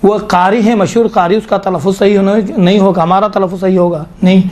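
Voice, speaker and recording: A man with a Pakistani Urdu accent teaching Quran recitation, slowly demonstrating and repeating letter sounds. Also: high voice, little pitch movement, a little mellow. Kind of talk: tajweed pronunciation lesson.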